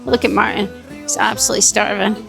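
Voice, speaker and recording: A woman from the UK hosting a travel vlog, talking in a chatty, wry and animated way. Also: medium pitch, quick pace, creaky, music in the background. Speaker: travel vlogger. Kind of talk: casual travel vlog chat.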